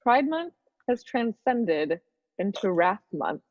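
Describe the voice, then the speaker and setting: A woman's voice: mid-range voice, very animated, slow pace, darkish tone. A woman playing a dry-witted undead woman from the underworld, speaking in a dry, sardonic way. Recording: dull lo-fi sound with long reverb.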